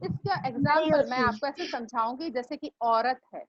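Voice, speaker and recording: A woman's voice: high voice, normal speed, dry recording. A woman teacher giving a grammar lesson in a classroom, often repeating her questions to drill the students. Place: classroom with blackboard. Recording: dull lo-fi recording with steady noise.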